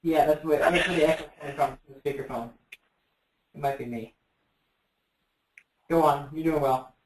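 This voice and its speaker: A man's voice: fairly high pitch, moderate pace. A man on a call, heard over a speakerphone, making brief, easygoing remarks. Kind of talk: casual call. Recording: echoey speakerphone with faint noise.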